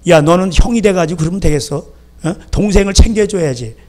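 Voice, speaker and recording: A pastor putting on a stern scolding parent. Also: male voice, high-pitched, brisk, lightly acted. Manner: scolding, sharp rebukes. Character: stern scolding parent, angry at a misbehaving child.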